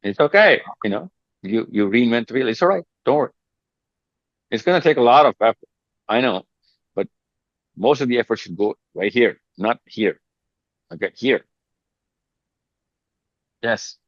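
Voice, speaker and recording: A man leading a video call meeting, coaching his team in an emphatic, animated way and calling people "buddy". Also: medium pitch, moderate pace, long pauses, dry recording, highs cut off. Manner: emphatic, calls people buddy, repeats words.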